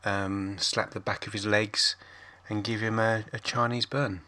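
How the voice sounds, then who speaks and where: Male podcast host, lowish forceful voice, deadpan and rambling casual intro. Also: unhurried.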